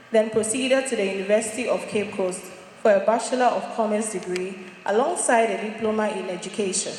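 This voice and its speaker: A Ghanaian woman introduces a guest at a ceremony, reading a prepared biography in a steady, clear manner. Her mid-range voice carries through a long reverberant hall, with faint background noise. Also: medium pitch. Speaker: master of ceremonies. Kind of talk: formal introduction. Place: large hall. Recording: echoey hall.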